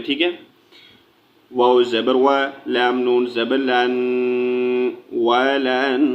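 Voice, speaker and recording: A man teaching Quran recitation, spelling out each syllable slowly and then explaining in quick asides, often checking with "theek hai". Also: mid-range voice, dull audio. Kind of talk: slow spelled-out recitation lesson.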